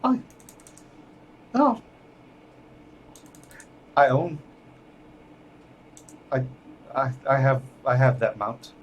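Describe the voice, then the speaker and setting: Older man from Hawaii, halting gamer chat. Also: mid-range voice, muffled recording, slight background noise. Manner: halting, restarts mid-sentence, relaxed. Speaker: game streamer. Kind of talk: casual live-stream chat while gaming.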